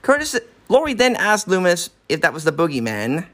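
A man co-hosting a podcast, casually recapping a horror film, animated and swearing freely. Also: high-pitched, normal speed. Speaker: podcast co-host.

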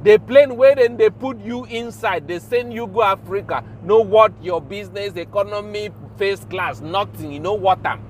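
A man from Nigeria with a Nigerian accent, hosting a show with an informal Pidgin rant in a halting, repetitive, emphatic manner. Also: high-pitched, slight background noise. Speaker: show host.

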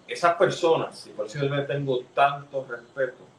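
A man's voice: medium pitch, moderate pace, fairly bright tone. Emphatic Puerto Rican male host. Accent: Puerto Rican Spanish. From Puerto Rico. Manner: emphatic, colloquial, joking. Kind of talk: conversational interview. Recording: roomy, distant mic with faint noise.

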